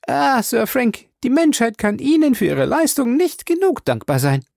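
A man voicing a chattering, warm-hearted older woman who gushes breathlessly. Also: very high voice, wildly swooping pitch, moderate pace, gravelly, no room sound, studio quality, voice pushed up, full character voice. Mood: gushing.

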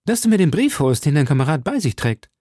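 A man's voice: on the high side, sing-song, fast, mellow, no room sound, studio quality, voice pushed up. A man voicing d'Artagnan, a bold, fiery young musketeer who speaks in a commanding, threatening way.

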